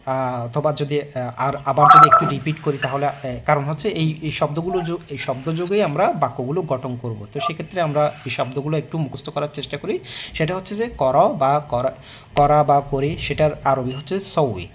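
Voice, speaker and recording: A man's voice: fairly high pitch, normal speed, noisy background. A man teaching an online language lesson, explaining patiently with fillers and restarts and often checking in with listeners. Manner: explanatory, repeats words, many fillers and restarts.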